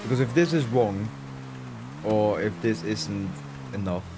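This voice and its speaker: This is casual gaming livestream commentary from a man from Norway whose low-leaning voice carries a Norwegian accent and moves at a measured pace. He swears freely while chatting with viewers, heard over music and game ambience with vehicles.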